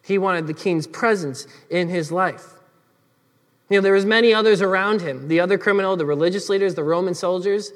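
A man preaching a sermon as pastor, earnest, often dropping to soft emphatic phrases. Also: high-pitched, fairly quick, long reverb tail.

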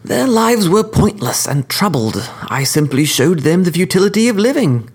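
A man's voice: high-pitched, big pitch swings, normal speed, breathy edge, pitched above the performer's own voice, exaggerated voice. A man putting on a suave, smug hitman. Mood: cordially smug. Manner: cordial, precise, lecturing. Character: suave cordial male hitman, smug, sophisticated.

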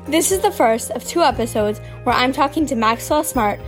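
A woman's voice: high voice, expressive, normal speed, faint music behind. A woman hosting a podcast, asking short, plain interview questions.

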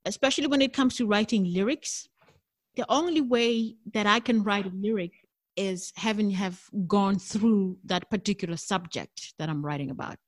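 A middle-aged woman from South Africa, a non-native English speaker and a jazz singer, chats in an interview, candid and reflective and quick to laugh. Her pitch is medium, her speed normal, and the recording dry.

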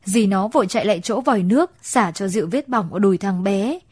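A woman reads a short story aloud in a gentle, even manner. Her voice sits at a middle pitch and is recorded dry and close, without any room echo. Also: fast talker, breathy edge. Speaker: narrator. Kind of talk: scripted story narration.

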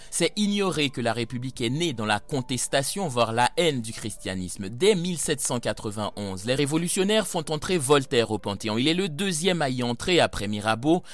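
A man reading scripted documentary narration as the narrator. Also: mid-range voice.

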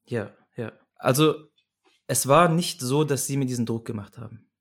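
A man's voice: mid-range voice, moderate pace. A young man telling a personal story as a guest in a conversation, earnest and searching, often restarting and repeating himself as he goes.

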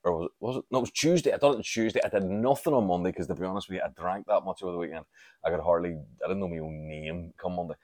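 A man's voice: deep voice, very fast, a little mellow, dry recording. A man, chatting casually and candidly as a podcast host, rambling and swearing freely. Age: 40s. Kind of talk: casual solo chat.

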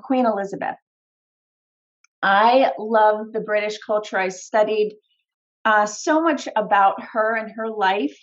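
A woman guest on a podcast, talking earnestly and warmly with occasional "um" fillers. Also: fairly high pitch, lo-fi sound. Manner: earnest and heartfelt, with hesitant fillers. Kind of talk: conversational interview answers.

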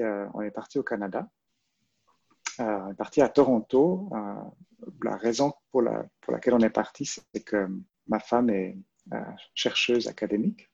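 A Swiss man in his forties, a librarian and photographer, answers interview questions as a guest, hesitating with many fillers and restarts. He has a Vaud Swiss French accent and a lowish, gravelly, husky, slightly mellow voice, captured in a muffled, lo-fi recording.

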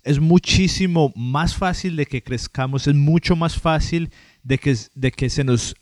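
A man with a Colombian accent co-hosting a podcast, speaking calmly and reflectively in casual conversation. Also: a little high, measured pace, no echo, studio quality. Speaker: podcast co-host. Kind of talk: casual chat.

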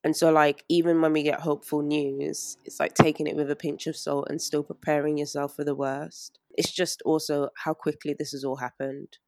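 Anxious young woman, halting speech. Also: deep voice, little pitch movement, darkish tone, dry recording, studio quality. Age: 20s. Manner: halting, many fillers and restarts. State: anxious and strained. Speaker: interview guest. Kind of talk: emotional interview.

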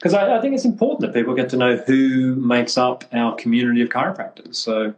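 A man's voice: mid-range voice, expressive, a little fast, rough recording. Rambling friendly man hosting a podcast. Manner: friendly, rambling, stumbles and restarts. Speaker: podcast host, clinic representative. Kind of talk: casual podcast chat.

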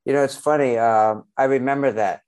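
A man's voice: medium pitch, fairly even intonation, a little fast, a little mellow, clear, resonant tone. A man hosting an interview podcast, asking questions hesitantly with many fillers. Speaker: podcast host. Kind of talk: interview conversation.

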